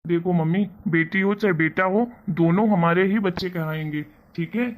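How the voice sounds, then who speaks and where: A man voicing a kind, earnest young husband and son in an animated family story. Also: sits high, normal speed, highs cut off, lightly acted. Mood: pleading. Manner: earnest, persuasive.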